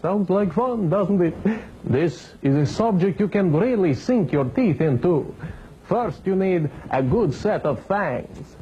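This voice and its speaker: A hammy vampire baron hosting late-night horror television, with a fairly high voice that swings up and down. He is pompous and ghoulish, relishing his puns with mock menace. The sound is dull, faintly hissy vintage TV tape. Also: lively intonation, slow, mellow. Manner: theatrical, hammy, mock-sinister delivery. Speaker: horror host. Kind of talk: campy TV horror host monologue.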